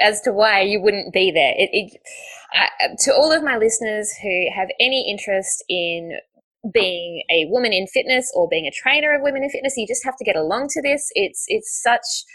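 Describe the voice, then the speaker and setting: A woman's voice: medium pitch, animated, moderate pace, fairly bright tone, low-quality recording. A woman hosting a podcast, upbeat and effusive, laughing easily as she talks with her guest. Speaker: podcast host. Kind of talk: casual interview talk.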